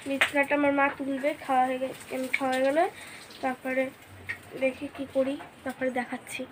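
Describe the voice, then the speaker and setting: A young woman with a hoarse voice and a stuffy nose from a cold, chatting casually to her vlog camera as she shows her meal and home. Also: high voice, monotone, a little fast, background noise. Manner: chatty, showing things to camera. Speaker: vlogger.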